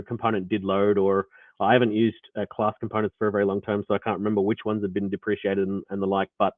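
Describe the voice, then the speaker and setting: A mid-range male voice with an Australian accent belongs to a developer giving a rambling live code walkthrough, full of fillers and restarts. The recording is dry, with a tinny, phone-like character.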